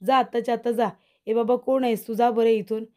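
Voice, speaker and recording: A woman voicing a watchful, resolute young woman who calmly explains her reasons. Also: on the high side, fairly quick, lightly acted. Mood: determined. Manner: determined, explaining.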